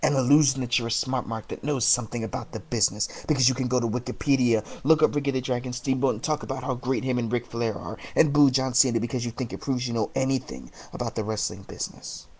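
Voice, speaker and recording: A man delivering a wrestling promo monologue as a heel, brooding and taunting, with theatrical, deliberate dramatic pauses. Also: medium pitch, darkish tone. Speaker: amateur wrestler cutting a promo as a heel character.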